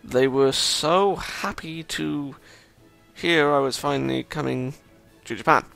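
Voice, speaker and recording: Slow-talking guy with a gravelly voice reading game text, sarcastic asides, faint music behind. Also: a little high, a bit bright. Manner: sarcastic, self-mocking asides. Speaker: gameplay commentator. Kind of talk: reading a visual novel aloud with commentary.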